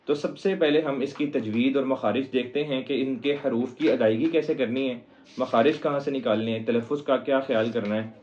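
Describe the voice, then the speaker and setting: A man's voice: mid-range voice, a little mellow, dull audio, slight background noise. A man teaching Quran recitation in a recorded lesson, patiently explaining each step.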